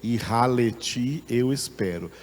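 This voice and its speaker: A Brazilian-accented man leads a Bible lesson at a slow, careful pace, going back over each word as he explains it. His mid-range voice carries a long reverb tail, as if in a large hall. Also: mid-range voice. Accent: Brazilian Portuguese. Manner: slow, deliberate teaching with repeated phrases. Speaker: Bible teacher.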